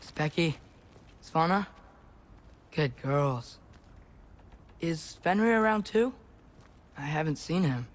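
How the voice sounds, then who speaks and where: An actor playing an earnest, sometimes playful teenage demigod in video game dialogue. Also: male voice, a little high, animated, slow, pauses often.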